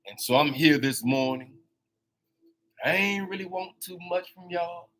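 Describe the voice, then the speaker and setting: A man's voice: a little high, measured pace, fairly bright tone. A man in his fifties hosting a motivational talk. He preaches animatedly, repeats phrases for emphasis and speaks straight to his listeners. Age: 50s. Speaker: host.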